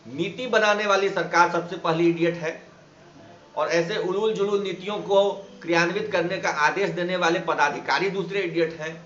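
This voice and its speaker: A man's voice: sits high, steady tone, moderate pace, a bit bright. A man from Bihar, a teacher, giving an impassioned monologue full of indignant rhetorical questions. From Bihar, India. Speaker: teacher and activist. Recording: echoey room, slightly dull sound, faint background noise.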